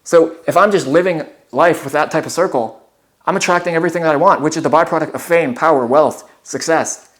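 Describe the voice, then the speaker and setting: A nineteen-year-old man vlogging from home, his voice sitting a little high. He gives a loose, rambling motivational talk. He keeps addressing his viewers as guys and bro. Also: fairly quick, a bit bright. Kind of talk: casual motivational monologue. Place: at home near the kitchen.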